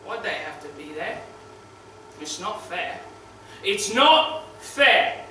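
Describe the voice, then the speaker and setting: A foul-mouthed male crocodile wrestler, maimed and grieving, played by a man in a dramatic monologue. His high, slow, bright voice lurches between swagger and raw shouted despair. It is recorded from far off in a very echoey room with a faint hum of ambience. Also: very animated, heavily acted. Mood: anguished.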